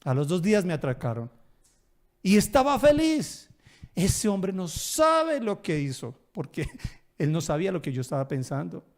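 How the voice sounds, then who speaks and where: Man, pastor, sermon, fairly high voice, storytelling with acted quotes, emphatic bursts. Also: very animated, moderate pace.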